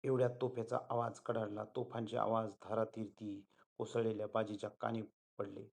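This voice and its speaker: Male storyteller, low and gravelly, earnest and dramatic in his reading. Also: little pitch movement, moderate pace, a little mellow. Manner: earnest, dramatic retelling with voiced quotes. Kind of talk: reading a history story aloud.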